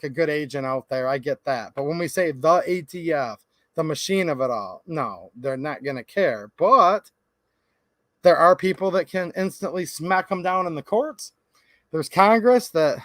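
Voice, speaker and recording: This livestream host has a fairly bright voice on the high side, recorded with no room sound in his home studio. He chats passionately and casually with viewers, reads out their comments, and addresses them directly in a folksy way.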